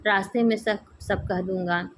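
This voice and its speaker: A fearful, guilt-ridden servant man from a stage play, as a woman reads him aloud. His lines come in halting, repeated phrases. The voice stays her own, mid-pitched and plain. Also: steady tone, a little hiss or hum, lightly acted.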